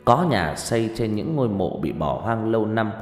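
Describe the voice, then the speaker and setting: A man's voice: lowish voice, big pitch swings, normal speed. A man narrating a first-person ghost story dramatically. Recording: echoey reverb with background music.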